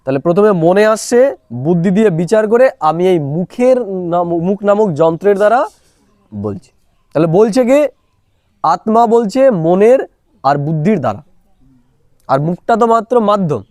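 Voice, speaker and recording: A man with a fairly high voice teaches a meditation class, pausing often to ask his listeners whether they have understood. He speaks into a small clip-on microphone. The sound is dry, with almost no room around it. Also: very animated, a little mellow, no echo. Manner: asks listeners rhetorical check-in questions. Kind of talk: spiritual class lecture. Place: small room, recorded on a mobile phone.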